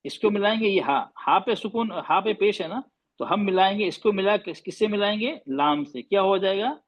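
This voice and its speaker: A man with a high voice teaches a class. He is patient, asks questions and goes over each point again, with English terms mixed in. The recording sounds a little dull. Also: lively intonation, normal speed. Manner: mixes Hindi with English terms. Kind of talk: classroom lesson.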